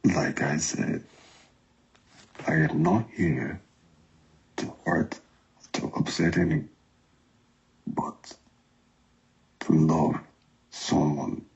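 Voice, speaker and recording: A man speaking through a voice changer on a call, defensive and halting as he pleads his case. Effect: voice changer, unnaturally deep and gravelly. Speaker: caller in an online romance. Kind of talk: phone call. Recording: dull lo-fi call audio.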